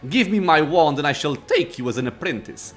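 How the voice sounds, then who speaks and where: An ancient undead lich lord played by a man, arrogant and imperious. The pitch swings widely as he makes formal, impatient pronouncements from a fantasy game, with music underneath. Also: big pitch swings, moderate pace, a bit bright. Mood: irritated. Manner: imperious, archaic formal speech. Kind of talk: acted reading of fantasy game dialogue.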